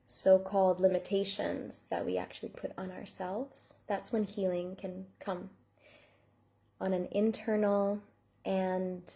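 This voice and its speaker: A woman coach leads a live online masterclass in an earnest, heartfelt way, greeting viewers by name as they comment. Her voice is mellow and warm, pitched at an ordinary middle height.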